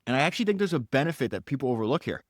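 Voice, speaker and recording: Animated man retelling a biography. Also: mid-range voice, no room sound, clean studio sound. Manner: animated, acts out quotes in character; fast bursts with stammered restarts. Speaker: podcast host. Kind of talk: solo podcast narration retelling a biography.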